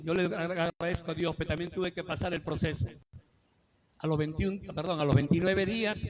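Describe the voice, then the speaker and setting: High-voiced preacher, fervent. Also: male voice, rough recording. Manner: builds from calm storytelling to shouted fervent preaching. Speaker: evangelist preacher. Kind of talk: Pentecostal sermon testimony. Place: church with congregation. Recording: live church recording with crowd.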